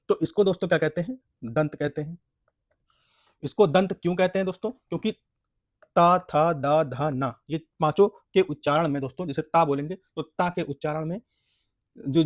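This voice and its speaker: A man teaching an exam-prep language lesson, sounding out syllables slowly and asking and answering his own questions. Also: a little high, dry recording. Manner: repeats points, asks and answers own questions, says "friends" often; spells out syllables slowly for practice.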